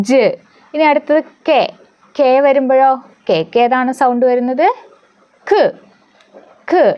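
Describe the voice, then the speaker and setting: A woman teaching English letter sounds, asking questions and answering them herself, repeating example words slowly. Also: fairly high pitch, dull audio. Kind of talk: phonics lesson.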